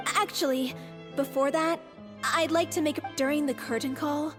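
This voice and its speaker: Woman doing a sincere young performer, high voice, kinda hesitant, echoey. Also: steady tone, moderate pace, over music, lightly acted.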